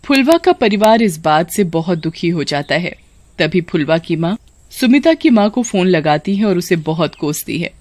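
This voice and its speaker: A woman narrating a children's story in a clear, even storytelling voice. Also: on the low side, normal speed, dry recording.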